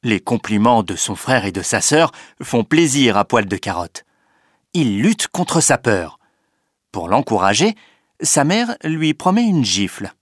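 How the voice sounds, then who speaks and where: A man reading a children's story aloud in an expressive, unhurried way. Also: medium pitch, no room sound, clean studio sound. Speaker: narrator.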